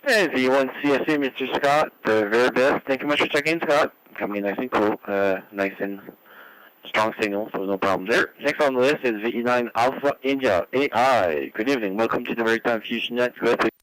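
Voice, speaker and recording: A man's voice: mid-range voice, fairly quick, a bit bright, low-quality recording. A courteous man acting as net control on an amateur radio check-in net, spelling callsigns phonetically over the radio. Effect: amateur radio transmission. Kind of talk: formal radio check-in procedure, friendly acknowledgements.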